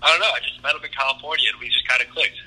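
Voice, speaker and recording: A man's voice: mid-range voice, fairly even intonation, very fast, bright, forceful tone. A man with an Alabama Southern accent chatting casually and jokingly as a guest on a phone call. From Alabama, United States. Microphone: telephone. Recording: noisy, tinny phone call.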